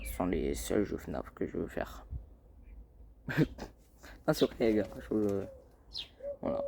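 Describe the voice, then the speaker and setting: A man's voice: on the low side, vocal fry, darkish tone, slight background noise. A man hosting a casual gaming vlog, rambling and hesitant, with lots of fillers and repeated call-outs to his viewers. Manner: keeps addressing viewers as "les gars". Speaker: gaming channel host.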